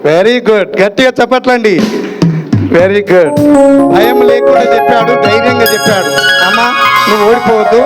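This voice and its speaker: A man, a pastor officiating a wedding, joking with the couple and leading the vows loudly line by line. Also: sits high. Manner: jovial and teasing, loud call-and-repeat prompting.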